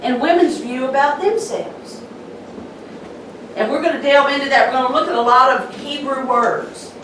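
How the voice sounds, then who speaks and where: Southern woman pastor, slow emphatic preaching, bright high voice, roomy church sound off-mic. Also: background noise. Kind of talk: sermon. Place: church sanctuary. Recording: echoey church hall, mic from a distance.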